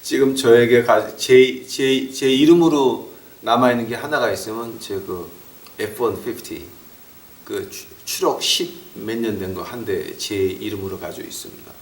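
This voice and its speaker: A middle-aged man delivers a lively sermon, playing out the voices of scolding relatives and tossing in bits of English. His voice sits at an ordinary pitch. It comes from some distance off the mic, with a roomy church echo around it. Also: measured pace. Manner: animated preaching, acting out scolding relatives; slips short English phrases into his talk. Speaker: pastor.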